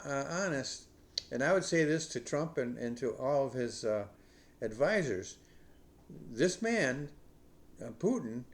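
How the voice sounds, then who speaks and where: A man's voice: mid-range voice, darkish tone. A middle-aged man from the United States hosting a news commentary podcast, rambling with many fillers and restarts. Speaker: podcast host.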